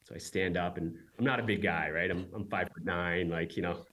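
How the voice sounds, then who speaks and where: A man in his forties, a company founder, talking casually as a guest and telling quick stories with many asides. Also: sits low, fairly even intonation, a bit bright. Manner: quick, chatty storyteller with many "right?" asides. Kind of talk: casual interview talk.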